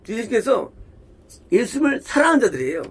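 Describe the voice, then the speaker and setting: A man's voice: extremely high pitch, sing-song, fast talker, creaky, breathy edge. A man preaching a sermon as pastor, emphatic, repeating phrases and firing rhetorical questions at the congregation.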